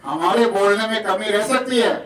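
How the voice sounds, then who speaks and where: A man's voice: sits high, moderate pace, fairly bright tone. A man preaching at a village satsang gathering from Rajasthan, folksy and humble, acting out villagers' voices as he makes announcements. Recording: echoey, distant, outdoor noise.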